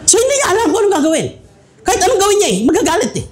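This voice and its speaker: A man's voice: very high voice, wildly swooping pitch, rapid-fire. A man from the Philippines preaching a humorous sermon as pastor, joking and conversational, laughing often.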